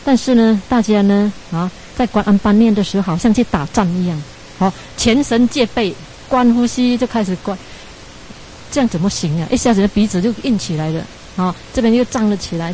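A woman's voice: mid-range voice, dark tone, slight background noise, poor audio. A woman giving a Buddhist dharma talk as a meditation teacher, telling a story in a chatty way, ending phrases with tag particles and laughing at her own slips.

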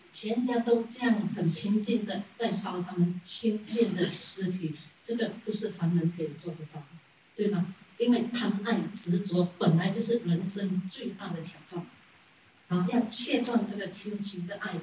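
A woman with a mid-range, slightly mellow voice preaches a Buddhist sermon as a story, often laughing softly and asking rhetorical questions, as a dharma teacher. The distant mic captures an echoey room and a bit of hiss or hum.

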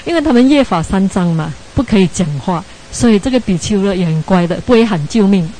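A woman's voice: medium pitch, expressive, fairly quick, mellow, rough recording. A woman giving a Buddhist dharma talk as a meditation teacher, telling a story in a chatty way, ending phrases with tag particles and laughing at her own slips.

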